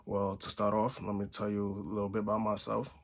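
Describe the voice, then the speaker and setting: Talking to camera in Buffalo, New York, this twenty-something channel host from Haiti delivers an earnest, casual vlog, frequently restarting his sentences and adding "right?". His fairly low, creaky voice is completely flat and fairly quick.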